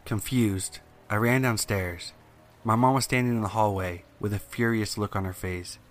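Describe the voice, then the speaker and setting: A man reading scripted first-person horror stories in a measured, suspenseful way. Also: lowish voice, fairly even intonation. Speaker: horror story narrator. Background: music under the voice.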